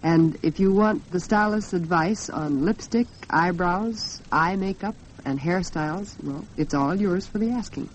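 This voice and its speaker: This 1940s radio talk host, an American woman, speaks unhurriedly yet with hardly any pauses, in a fairly low voice. She talks conversationally and straight to listeners from a radio studio, captured in muffled, noisy 1940s broadcast audio.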